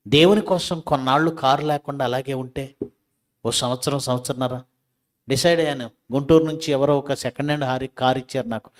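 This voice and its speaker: A male pastor preaching a sermon, firing rhetorical questions at his listeners and swinging between loud emphatic lines and quiet asides. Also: mid-range voice.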